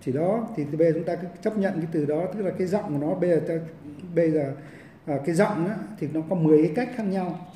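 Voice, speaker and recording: A man, a Buddhist monk giving a Dharma lecture in a halting way, full of repeated fillers and restarts, recorded in a monastery hall. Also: fairly high pitch, warm tone, a little hiss or hum. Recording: roomy echo, mic at a distance.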